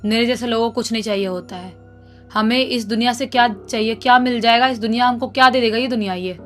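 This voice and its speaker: A woman's voice: a little high, fast, faint music behind, natural voice. A woman doing a stern old holy man. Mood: detached. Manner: loud commanding shouts.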